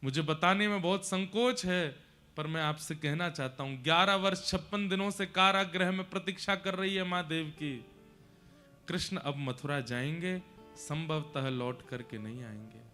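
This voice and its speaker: A man voicing the messenger Akrur, hesitant and respectful, speaking low and solemnly. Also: normal speed, sharp tone, faint music behind.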